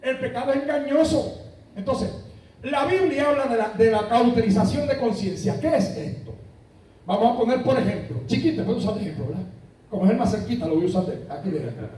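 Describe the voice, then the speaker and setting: A man's voice: extremely high pitch, animated, a little fast, dark tone. A man with a Puerto Rican accent preaching a sermon, asking the congregation questions and telling anecdotes. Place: church sanctuary. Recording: echoey church from far off.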